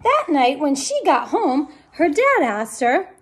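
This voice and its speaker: A woman in her thirties, with a high, sing-song voice and a slow pace, reads a picture book aloud expressively to children, speaking to them directly. This story-time reading takes place in a small room at home, indoors.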